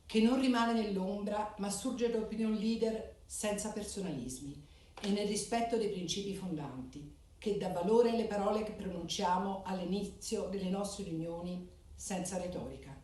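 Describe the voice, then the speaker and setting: A woman reading a formal ceremonial speech in measured, declamatory phrases. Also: mid-range voice, dark tone. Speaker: speaker at a club charter ceremony. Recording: echoey hall, voice from far off.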